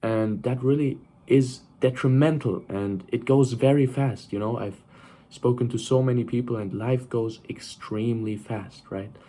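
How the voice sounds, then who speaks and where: This nineteen-year-old self-improvement vlogger has a medium-pitched, dark voice with fairly even intonation and speaks a little slowly. Addressing the camera casually, he motivates emphatically, repeats things and keeps checking in with his audience.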